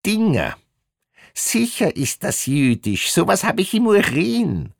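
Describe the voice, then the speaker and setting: A woman's voice: fairly low pitch, sing-song, slow pace, vocal fry, no room sound, clean studio sound, voice pushed up, exaggerated voice. A man voicing a relentless, bigoted female ticket inspector who rattles off questions in a clipped, accusatory way. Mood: shrill, bigoted.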